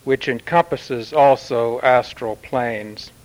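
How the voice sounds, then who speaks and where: A man channeling a solemn male Martian commander who addresses Earth in formal, measured pronouncements with long pauses. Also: medium pitch, steady tone, natural voice, low-quality recording. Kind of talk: channeled spiritual message.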